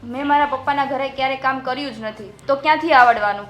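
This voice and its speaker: An actress playing a spoiled young daughter-in-law who refuses housework, in a short drama. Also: female voice, high voice, fast, fairly bright tone, echoey room, faint music behind. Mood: defiant. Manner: defiant, dismissive.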